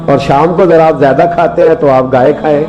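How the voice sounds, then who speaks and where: A man's voice: on the high side, steady tone, fairly quick, muffled recording, natural voice. A man voicing a clever, sly female fox in a sermon parable, speaking politely and carefully. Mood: sly, deferential.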